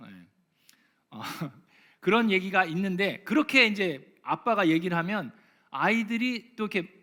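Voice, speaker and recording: A man, a pastor from Gyeonggi in South Korea, reads scripture slowly and softly, then preaches a sermon in a church sanctuary with lively, joking asides. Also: high-pitched.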